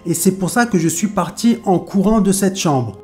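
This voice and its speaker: Guy reading a scared wife's lines, high pitched, shaken. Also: animated, moderate pace, mellow, soft background music. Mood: frightened. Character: frightened young wife.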